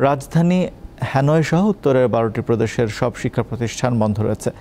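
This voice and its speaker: A man reads the afternoon headlines at a fast, steady clip. His tone is dark and mellow, with a formal bulletin cadence. A faint low rumble sits under the voice. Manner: brisk, formal bulletin delivery. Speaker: news presenter. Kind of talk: scripted news reading.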